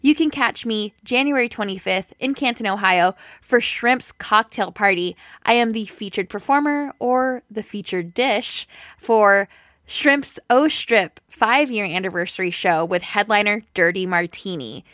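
A woman's voice: mid-range voice, unhurried, fairly bright tone, dry recording, studio quality. A woman hosting a podcast, effusive and grateful, often repeating her words for emphasis as she signs off and makes announcements. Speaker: podcast host. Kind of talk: heartfelt podcast sign-off and announcements.

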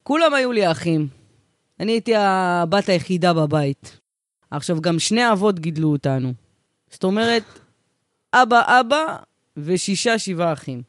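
A man's voice: high voice, expressive, long pauses, fairly bright tone, no echo, clean studio sound. A man playing a brash, boastful woman bus driver in comic banter, with slangy, emphatic, swaggering talk. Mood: nostalgic, deadpan boasting. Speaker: bus driver character in comedic chat. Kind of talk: improvised comic character banter.

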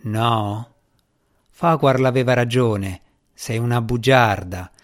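A man's voice: medium pitch, fairly even intonation, slow, lightly acted. A man voicing a sarcastic, boastful male djinni spirit in the shape of a boy, reading an audiobook with mocking, theatrical sarcasm. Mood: sardonic.

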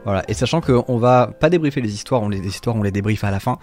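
A man's voice: lowish voice, fast, a little mellow, faint music behind. A man chatting casually as co-host of a live stream, addressing and thanking the viewers.

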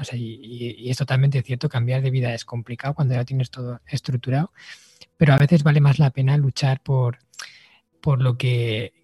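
Man, podcast guest, measured, mellow, husky. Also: mid-range voice, dry recording. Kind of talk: casual podcast conversation.

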